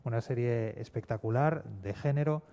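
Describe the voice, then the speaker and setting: At a moderate pace and in a warm, mid-range voice, a guest panelist who writes fiction scripts speaks with an accent from Spain. His contribution to the discussion wanders discursively and leans on repeated words for emphasis.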